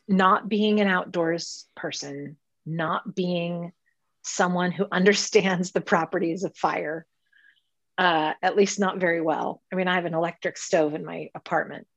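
A woman's voice: lowish voice, normal speed, dry recording, dull audio. A woman in casual conversation, telling a story with animation, laughing mid-sentence and acting out the people in it. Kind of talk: casual chat.

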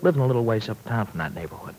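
Plainspoken slangy young city lug, loyal, old radio soap, very animated voice. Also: male voice, lowish voice, rapid-fire, poor audio. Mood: wary, protective.

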